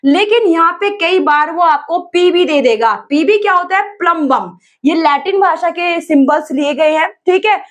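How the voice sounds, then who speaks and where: Speaking at normal speed with almost no pauses, a woman with an Indian accent and a very high-pitched voice teaches an exam-prep lesson. She calls her students children, poses questions and answers them herself, and mixes English terms into her speech.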